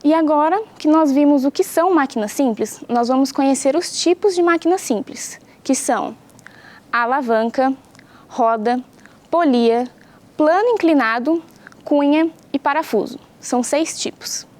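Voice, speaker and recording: A young woman teaches a school science class for pupils at home. Her voice sits high and light, and she explains each point clearly and patiently, often asking the children questions. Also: unhurried, a little mellow. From Brazil.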